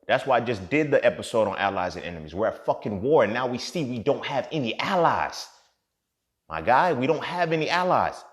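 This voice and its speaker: A podcast host in his thirties launches into a passionate, profanity-laced monologue, his delivery going from low grumbling to loud outbursts.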